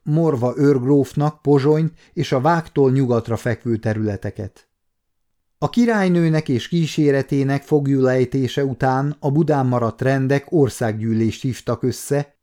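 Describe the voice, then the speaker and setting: A man in his fifties reading a historical novel aloud at a measured, even pace. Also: medium pitch. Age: 50s. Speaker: audiobook narrator. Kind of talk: audiobook narration.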